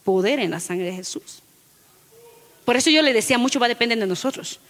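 A woman pastor giving an animated sermon to her congregation, calling listeners "brother" and acting out children's lines. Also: on the high side, brisk, in a large hall. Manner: animated, acts out children's voices in quotes, addresses listeners as brother.

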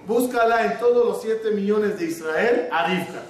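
Animated storytelling rabbi, echoey room. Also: male voice, sits high, moderate pace, far from the mic, a little hiss or hum. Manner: animated, acts out the dialogue of his story. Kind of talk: humorous sermon storytelling. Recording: echoey room, speaker off-mic.

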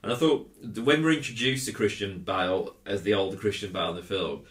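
A man co-hosting a film podcast, talking in a rambling, animated way and laughing often. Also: fairly low pitch, quick pace. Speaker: podcast co-host. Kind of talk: casual film review chat. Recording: roomy echo.

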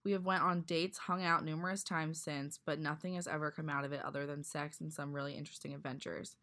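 Chatty podcast host lady, low voice, stuffy from allergies, bright sound. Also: fairly even intonation, quick pace. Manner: chatty, reads listener emails aloud. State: congested from allergies. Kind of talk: casual podcast chat.

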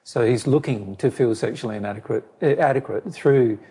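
With a medium pitch, a dark tone and slight roughness, a spiritual teacher who is losing his voice explains a personal question to a listener at length. He is measured, repeating and restarting his phrases as he goes.

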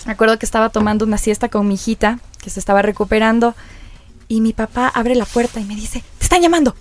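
A woman radio presenter in her thirties telling her story in a casual interview, acting out the dialogue she recalls. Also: fast talker. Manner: lively, acts out quoted dialogue with rising pitch.

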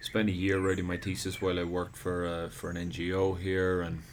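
A man's voice: sits low, completely flat delivery, brisk. An Irish man in his thirties, a podcast guest chatting casually on an outdoor deck, rambling with restarts. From Ireland. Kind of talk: casual chat. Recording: noisy outdoor background.

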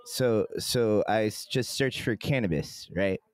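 A man's voice: lowish voice, a little slow, no echo. A man hosting a podcast over a video call, rambling casually and laughing easily. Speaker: podcast host. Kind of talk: casual chat.

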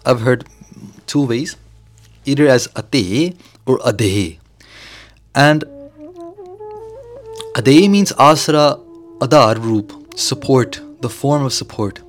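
Man teaching scripture over music. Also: medium pitch. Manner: switches between English and Punjabi, explanatory, repeating key phrases. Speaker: Sikh preacher teaching scripture. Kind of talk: religious discourse, explaining scripture.

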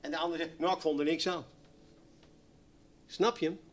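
A man preaching a sermon, swinging from loud exclamations to hushed, near-whispered lines. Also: fairly high pitch, steady tone, moderate pace, slight background noise.

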